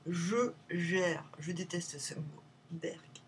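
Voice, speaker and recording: A woman doing a casual tarot reading at home, rambling and playful, jumping between loud remarks and muttered asides. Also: lowish voice, slow pace, far from the mic, slight background noise. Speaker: tarot reader.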